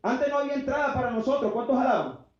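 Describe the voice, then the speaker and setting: A man preaching a fervent sermon, building to shouts, with his congregation called to answer. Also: very high voice, fast talker. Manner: fervent call-and-response preaching, often shouting. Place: church sanctuary. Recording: very echoey, muffled church PA sound.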